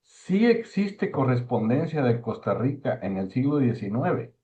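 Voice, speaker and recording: A man giving an informal talk, halting and repeating words for emphasis. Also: mid-range voice, big pitch swings, dark tone. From Mexico. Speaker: speaker giving a talk on postal history. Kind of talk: informal lecture discussion. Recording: thin phone-like online call audio.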